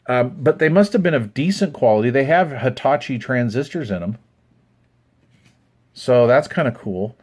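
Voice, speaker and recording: Sitting at a wooden desk indoors, a man in his fifties from Utah shows off a hobby find in a relaxed, hands-on video. He has a Western American accent and a medium-pitched, darkish voice, and he chats animatedly and ramblingly at a moderate pace.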